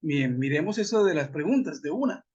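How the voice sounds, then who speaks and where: A man's voice: on the high side, expressive, a little fast, a little mellow, breathy edge. A man teaching an online English grammar lesson, methodical, spelling out letters and asking his class questions. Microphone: web conference audio. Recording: dull lo-fi web call audio.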